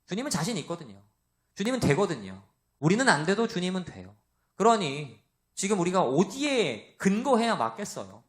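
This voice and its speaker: A man preaching a sermon to young adults, with a loud voice, asking the congregation questions and acting out the voices he quotes. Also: high-pitched, huge pitch swings, moderate pace. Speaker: pastor.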